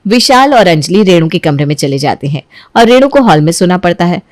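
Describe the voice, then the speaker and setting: A woman narrating an animated family story in a calm, low-key way. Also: brisk, no room sound, studio quality.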